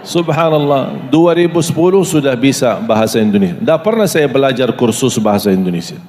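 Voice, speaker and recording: A male preacher speaks to a live crowd in a mid-range voice, posing questions to them and reciting lists at a slow, deliberate pace. His delivery has lively intonation and a slightly mellow tone, and he is a native Arabic speaker. Each phrase trails off into long reverb, like in a large hall, with a faint hiss or hum underneath.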